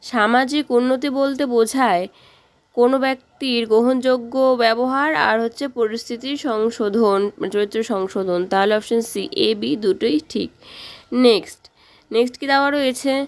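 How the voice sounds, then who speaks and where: A woman's voice: on the high side, moderate pace. A woman teacher, reading exam questions and options aloud, then explaining each answer and often checking in with the students. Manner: reads questions then explains answers, repeats "ঠিক আছে?". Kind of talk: exam practice lesson.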